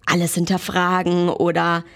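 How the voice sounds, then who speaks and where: A woman's voice: fairly low pitch, monotone, moderate pace, fairly bright tone. A young woman, chatting as an interview guest and mixing in English phrases. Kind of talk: casual interview chat.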